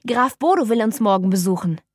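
A woman voicing a loud, boisterous old count who bellows his lines in a storybook reading. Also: medium pitch, lively intonation, fairly quick, no room sound, clean studio sound, natural voice. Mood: hearty.

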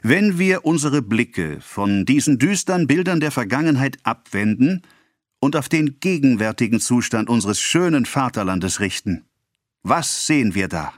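A man's voice: medium pitch, animated, no echo, clean studio sound, voice pushed up. A man doing a pompous speechmaking official. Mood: declaiming. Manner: declaiming, slow and loud. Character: pompous male government official giving a speech. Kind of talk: audiobook reading.

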